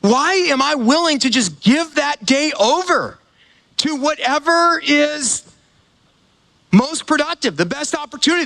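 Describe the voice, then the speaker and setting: High, bright-voiced man preaching casually. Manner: conversational, full of fillers and repeated words. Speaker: pastor. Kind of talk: sermon. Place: church gathering.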